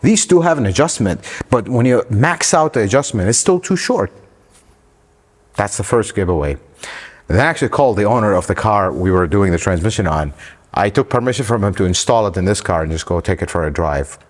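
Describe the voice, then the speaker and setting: Mechanic, male, low voice with lively swings, exasperated explainer, reverberant shop. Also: brisk. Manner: animated, exasperated, addresses viewers as folks. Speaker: auto repair shop owner. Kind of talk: shop-floor explainer talk. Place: auto repair shop garage.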